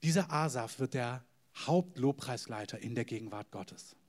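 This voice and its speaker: Male preacher, sermon to a congregation, mid pitch, emphatic, whispered asides. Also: expressive, normal speed. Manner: emphatic, swings between loud stresses and whispered asides; addresses the congregation directly.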